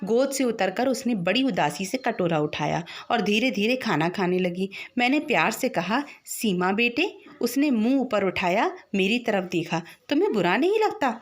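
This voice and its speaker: A woman's voice: animated, moderate pace, hardly any pauses. A woman teacher reading a short story aloud to her students, raising her voice for the characters' lines. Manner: acts out the characters' lines with raised pitch.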